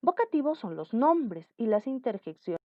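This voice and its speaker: A woman's voice: on the high side, big pitch swings, moderate pace, dry recording. A woman teacher giving a class and explaining patiently, often checking with the listener that they follow. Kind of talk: online class lesson. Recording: dull lo-fi dry sound.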